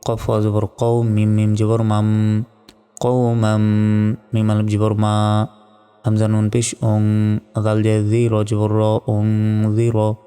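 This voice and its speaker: A man teaching Quran recitation, carefully spelling out each letter and vowel mark, then chanting the words in long drawn-out tones. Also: on the low side, completely flat delivery, warm tone, smooth, in a large hall, soft background music. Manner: slow, deliberate spelling out, drawn-out melodic recitation.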